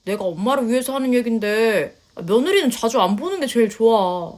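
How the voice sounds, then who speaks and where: A woman voicing a blunt, self-assured young husband in a lowered, matter-of-fact voice, in a story reading. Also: animated, fairly quick, darkish tone, lightly acted. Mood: casual. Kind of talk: storytelling voice acting.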